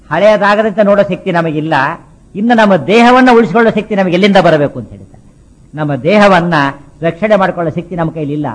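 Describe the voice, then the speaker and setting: A man's voice: high voice, poor audio. Man giving a spiritual discourse. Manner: repetitive, rhetorical questions, chants verses slowly. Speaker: religious speaker.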